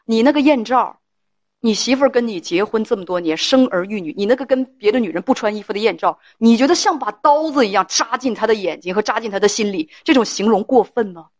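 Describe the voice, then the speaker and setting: A woman's voice: fairly high pitch, expressive, quick pace, no echo. A woman hosting a call-in advice show, lecturing a caller with pointed rhetorical questions.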